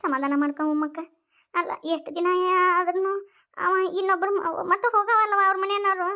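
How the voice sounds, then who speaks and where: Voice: extremely high pitch, fairly even intonation, fairly quick, sharp tone, highs cut off. A voice actor playing a consoling elder sister in a village, with a North Karnataka accent. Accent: North Karnataka Kannada. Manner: soothing, coaxing.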